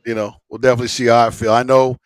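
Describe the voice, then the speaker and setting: A man hosts a casual livestream in a mid-pitched voice. He talks in a rambling, repetitive way, full of slang and swearing. The sound is dry, with little room echo. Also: level tone, very fast, clear, resonant tone. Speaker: host of a live smoke-session stream.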